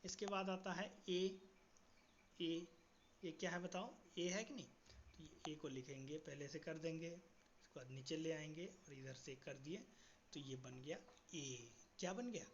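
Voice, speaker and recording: A man teaches a writing lesson to students, asking quiz questions and slowing down to spell out each letter. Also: a little high. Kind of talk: classroom-style writing lesson. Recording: dull lo-fi audio with faint background hiss.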